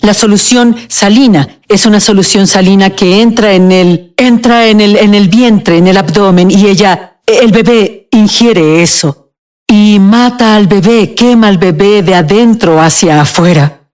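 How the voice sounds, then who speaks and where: Woman guest recounting her story, halting and emotional, mid pitch. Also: a little mellow. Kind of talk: personal testimony in a TV interview, Spanish dub.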